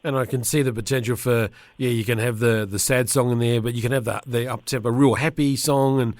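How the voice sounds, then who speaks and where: A man's voice: medium pitch, steady tone, a little fast, darkish tone, no echo. Enthusiastic male radio host. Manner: enthusiastic, friendly questioning. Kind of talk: radio interview.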